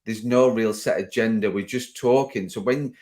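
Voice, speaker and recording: A man from northwest England hosting a podcast, talking in a relaxed, easygoing conversational way. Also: on the low side, moderate pace. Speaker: podcast host. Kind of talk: casual podcast interview.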